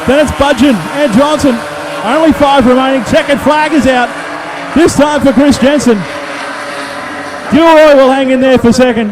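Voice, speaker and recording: An Australian man calling a race as a motorsport commentator, excited, colloquial and punchy. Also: extremely high pitch, normal speed, long pauses, noisy background. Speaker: speedway race commentator and trackside interviewer. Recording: loud race car engines behind the voice. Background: race cars, engines and tyre squeal.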